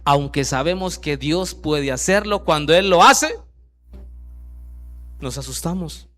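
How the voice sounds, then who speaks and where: A man preaching a sermon, reading scripture aloud and breaking in with rhetorical questions, swinging from loud bursts down to very soft lines. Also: on the high side, lively intonation, takes it slowly, soft background music. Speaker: pastor.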